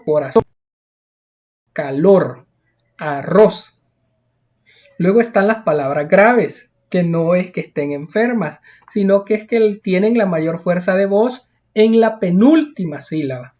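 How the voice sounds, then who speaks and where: A man's voice: sits high, darkish tone. A male teacher, patiently explaining a lesson step by step and repeating key points. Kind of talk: recorded classroom lesson. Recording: dull lo-fi recording.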